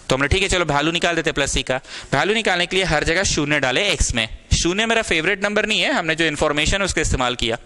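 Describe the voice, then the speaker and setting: A man's voice: fairly high pitch, sharp tone. A young man teaching maths to a small class, mixing in English and scolding students in a caring way. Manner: scolding yet caring, mixes Hindi and English. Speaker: maths tutor.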